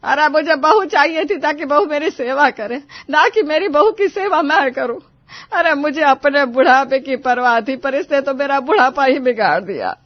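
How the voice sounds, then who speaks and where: A woman's voice: sits high, expressive, moderate pace, dry recording. A woman voicing a whiny, dramatic elderly mother-in-law in a cartoon, wailing and complaining. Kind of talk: cartoon voice acting. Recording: dull dry studio voice-over.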